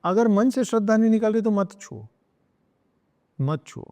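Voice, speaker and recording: A man's voice: high voice, animated, moderate pace, darkish tone. Emphatic man lecturing in a reverberant room. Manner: emphatic, lecturing, repeats phrases and slips into English. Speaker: podcast guest. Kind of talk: earnest podcast talk on spirituality and parenting.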